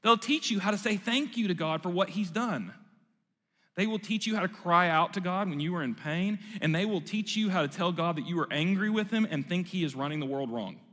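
A man's voice: high voice, brisk, a bit bright, in a large hall. A male pastor giving a sermon in a church, conversational and self-deprecating. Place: church sanctuary.

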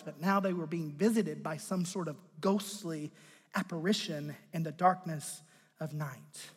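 A male pastor preaches a sermon, swinging from loud, emphatic lines to hushed, low ones and putting direct questions to his listeners. A long reverb tail trails his voice.

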